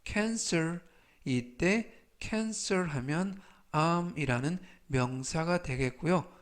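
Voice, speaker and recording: A man teaching English vocabulary, saying each word slowly several times and then explaining its meaning and usage. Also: on the high side, animated. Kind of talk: vocabulary lesson with spelled-out pronunciation drills.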